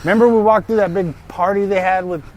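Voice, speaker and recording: A man's voice: sits high, fairly even intonation, fast, darkish tone. A man in his forties telling stories and agreeing along in casual talk while walking outdoors. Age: 40s. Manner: earnest, storytelling, agreeable. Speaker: podcast guest. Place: outdoors on a city street. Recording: faint street noise.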